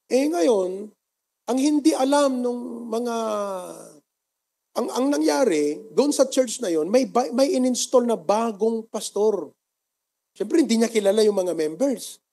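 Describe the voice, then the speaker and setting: Filipino male pastor, high voice, sermon with storytelling, swings between loud bursts and soft asides. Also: measured pace. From Philippines. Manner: storytelling, mixing Tagalog and English, lively bursts then soft asides.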